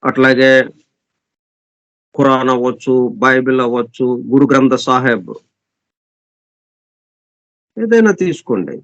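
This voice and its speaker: A man giving an explanatory scripture lesson as a spiritual teacher, repeating and listing synonyms slowly and deliberately, reading English passages very slowly. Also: medium pitch, animated, fairly bright tone, dry recording. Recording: dull, dry lo-fi recording.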